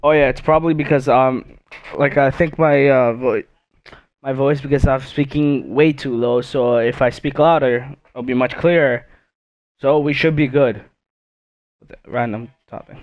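A man's voice: medium pitch, fairly even intonation, measured pace, dry recording. A man giving casual, reactive commentary while playing a video game, often mumbling asides. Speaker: gamer.

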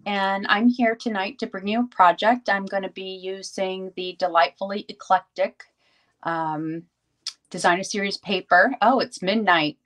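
A woman's voice: medium pitch, steady tone, unhurried, fairly bright tone. A middle-aged woman from New York hosting a casual craft livestream, chatty and rambling as she greets viewers by name. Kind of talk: casual live-stream chat.

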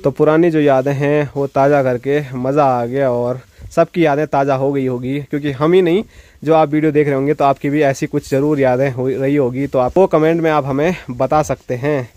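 A man's voice: mid-range voice, steady tone, moderate pace, dark tone, no room sound. A young man from the hills chatting as a vlogger in a village, teasing and laughing often. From Uttarakhand hills, India. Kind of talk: casual vlog narration. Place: outdoors in a hill village. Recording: outdoor noise. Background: outdoor noise with birds and animals.

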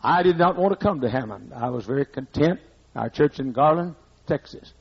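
A man's voice: mid-range voice, expressive, moderate pace, gravelly, breathy edge. An older man preaching a sermon as pastor in a church, blunt and conversational, scolding the congregation with asides, on a muffled old recording. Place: church sanctuary.

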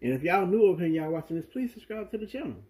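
Southern man hosting a home cooking video; relaxed and mellow, slightly high. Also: very fast, rough recording. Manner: relaxed, talks straight to viewers. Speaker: cooking vlog host. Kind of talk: casual cooking demonstration. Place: home kitchen at the stove.

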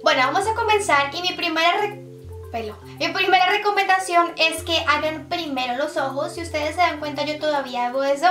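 Her voice sits high and sounds brisk and fairly bright as this young woman walks viewers through a relaxed makeup tutorial step by step, chatty and full of diminutives. Faint music plays in an echoey room, and she's slightly far from the mic.

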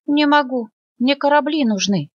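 A woman's voice: normal speed, dry recording, close to an everyday voice. A woman voicing a small, eager hedgehog boy in a storybook reading, speaking earnestly in a raised voice. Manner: earnest, pleading, raised pitch. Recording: dull lo-fi dry recording.

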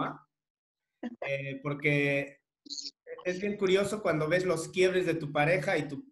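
A man talks to a workshop group in a loose, rambling way, often tagging his sentences with questions. His voice sits high. The room around him is echoey. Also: a bit bright. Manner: rambling, with frequent tag questions and filler words. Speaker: emotional coach leading a workshop. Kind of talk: conversational group talk.

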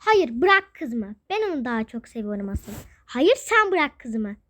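A child doing a gruff, stubborn dad. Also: medium pitch, very animated, fast, a bit bright, dry recording, pitched below the performer's own voice. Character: gruff father arguing with his wife. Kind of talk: toy-app role-play voicing.

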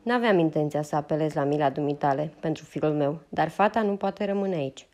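A woman's voice: sits low, darkish tone, close to an everyday voice. A woman voicing a stern, hostile frontier man who leads a wagon train, cold and clipped in a storybook reading.

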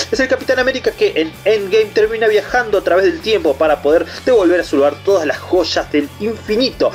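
A chatty, enthusiastic man with an Argentine Rioplatense accent, rambling through casual unboxing commentary as the channel host. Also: high-pitched. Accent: Argentine Rioplatense Spanish.

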